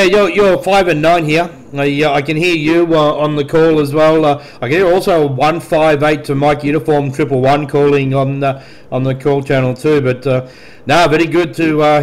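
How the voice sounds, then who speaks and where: An Australian man working as a radio operator, chatting casually and amiably in radio procedure talk, with hesitant pauses. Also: fairly high pitch, low-quality recording. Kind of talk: radio contact chat with spelled-out call signs. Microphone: dual-element studio desk microphone at a radio set.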